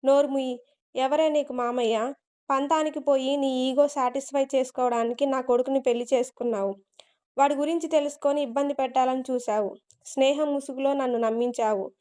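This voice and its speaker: A stern, protective older father from a told story, who scolds harshly and commands. A woman reader voices him in her own high, clear voice. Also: steady tone, fairly quick, mellow, close to an everyday voice.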